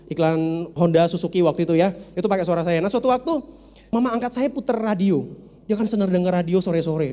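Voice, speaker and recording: A man's voice: high-pitched, dark tone. A man giving a storytelling seminar talk as a motivational speaker, humorous and speaking straight to his audience. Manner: humorous, addresses the audience directly. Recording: reverberant hall.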